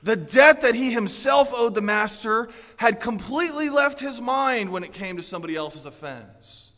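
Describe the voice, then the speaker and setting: An American pastor from Orlando, Florida, preaches a sermon in an extremely high-pitched voice with lively intonation at normal speed. He's earnest and emphatic, swinging from forceful declarations to quieter storytelling, and the large hall around him is reverberant.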